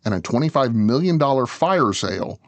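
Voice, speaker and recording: Lively intonation marks this man's medium-pitched narration, delivered at a moderate pace. He's the narrator of a scripted business documentary, keeping it conversational and speaking right to the listener.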